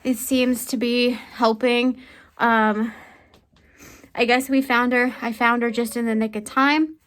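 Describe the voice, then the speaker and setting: On a farm in extreme cold, this homesteader vlogger does chores outdoors and in the chicken coop while chatting to her camera, with laughs and sighs. Her voice sits on the high side, fairly bright, with fairly even intonation and a slow pace.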